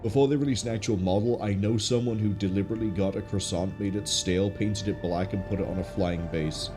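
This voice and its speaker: A man's voice: fairly low pitch, fairly even intonation, fast. A man with a stuffy nose, sounding ill, gives casual gameplay commentary as a streamer, musing and thinking aloud. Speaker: game streamer. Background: game music.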